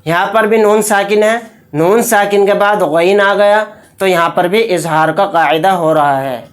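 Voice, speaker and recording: A Quran reading teacher giving a tajweed lesson. The teacher explains rules quickly, asks a question and answers it, then spells and recites each word slowly, syllable by syllable. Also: mid-range voice. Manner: brisk explanations alternating with slow, drawn-out syllable-by-syllable spelling.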